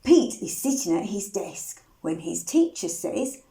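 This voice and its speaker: A woman reading a picture book aloud to young children, animated and sing-song, putting questions to the listeners and singing the refrains. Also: mid-range voice, measured pace.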